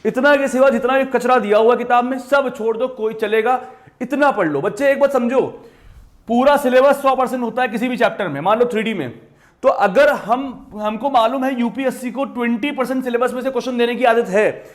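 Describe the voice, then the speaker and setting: Very high-voiced man teaching maths. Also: fairly quick. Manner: emphatic, repetitive, addresses students directly. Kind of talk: exam-prep lesson.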